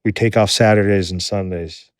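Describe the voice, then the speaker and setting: Man in his forties, low voice, dry close sound, animated and swearing, casual storytelling. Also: normal speed, dry recording. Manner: animated, profane, repeats words when excited. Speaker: podcast guest.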